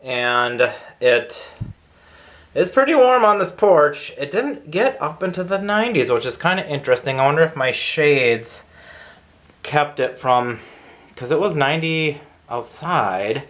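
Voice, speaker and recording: A man's voice: fairly high pitch, animated, unhurried, a bit bright. A man hosting a casual homebrewing vlog, rambling and thinking aloud with lots of fillers, recorded on a porch. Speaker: homebrewer host.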